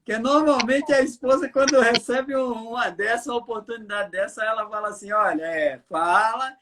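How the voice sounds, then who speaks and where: A man with a Brazilian Portuguese accent, an army colonel who trains leaders, answering interview questions in a lively storytelling way, acting out dialogue and laughing. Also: extremely high pitch, normal speed, background noise.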